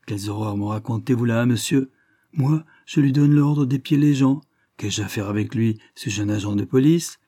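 A man's voice: mid-range voice, normal speed, mellow, breathy edge, no echo, clean studio sound, lightly acted. A man voicing a sly, spiteful gossiping woman. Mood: wheedling. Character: sly spiteful scheming woman, feigning innocence.

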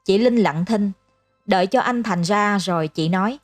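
Brief: female narrator for a ghost story, even and steady, faint music underneath. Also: medium pitch, moderate pace, dry recording.

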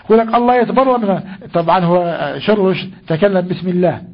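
An older man gives a Quran lesson in a high, husky voice. He puts questions to the class and answers them himself, stretching out verses syllable by syllable. The recording is dull and lo-fi. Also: fast. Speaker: Quran teacher.

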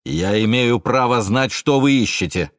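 A male reader voicing an indignant middle-aged male suspect who shouts with contempt at a police officer. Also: mid-range voice, moderate pace, dry recording, clean studio sound, lightly acted. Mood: defiant. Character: furious defiant middle-aged man, suspect.

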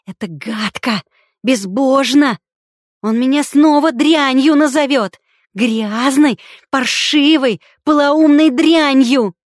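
Brief: woman doing a hysterical young woman, shrill and hissing, dry close audiobook sound. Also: expressive, extremely slow, a little mellow, no room sound, exaggerated voice. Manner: shrill, frantic outbursts with hissed whispers.

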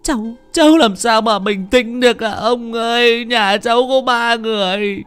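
Frantic grieving mother, thirties, shrill and loud, man voicing her. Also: normal speed, clean tone, dry recording. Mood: sobbing. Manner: wailing, sobbing, stammering.

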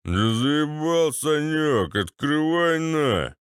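A man voicing a drunk, boorish ex-paratrooper with a bassy, slurred, swaggering delivery. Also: expressive, drawn-out words, smooth, no echo, clean studio sound. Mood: annoyed. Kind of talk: audiobook character voice.

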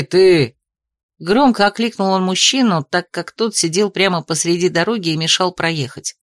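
A woman narrating a novel in a measured, even storytelling voice. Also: medium pitch, no echo, clean studio sound. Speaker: audiobook narrator. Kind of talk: scripted narration.

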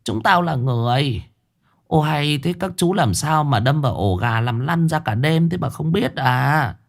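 A man voicing a toothless old village woman chewing betel, mumbling slowly. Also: a little high, animated, vocal fry, voice pushed up. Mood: puzzled scolding.

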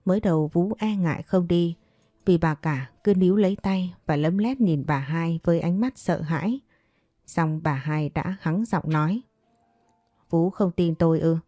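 A woman narrating a story in a steady, measured way. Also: fairly low pitch, no echo, clean studio sound. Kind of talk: scripted narration.

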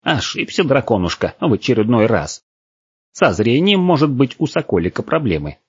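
A man voicing a grumpy old female forest witch who scolds in a slow, creaky drawl, in a dull, dry recording. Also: mid-range voice, sing-song, no room sound, voice pushed up. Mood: mocking.

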